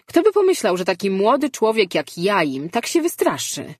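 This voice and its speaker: A woman's voice: medium pitch, huge pitch swings, moderate pace, a little mellow, breathy edge, no echo, clean studio sound, pitched above the performer's own voice. A woman reading a glib, teasing male spirit who shares a man's mind, speaking in an offhand way.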